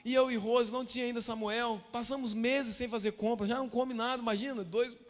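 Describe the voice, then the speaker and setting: A Brazilian pastor with a strikingly high voice preaches with fervor, repeating his lines and rising to shouts. His words ring out with a long echo across a church hall. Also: fairly even intonation, brisk, faint music behind. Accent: Brazilian Portuguese. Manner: fervent, repetitive preaching that swells to shouts. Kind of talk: sermon.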